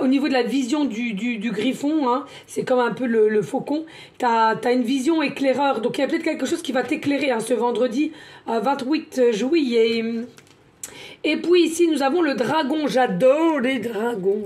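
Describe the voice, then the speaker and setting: A woman doing a chatty tarot card reading, often repeating herself and filling pauses. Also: sits high, darkish tone. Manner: chatty, repeats words, many fillers. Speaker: card reader, medium.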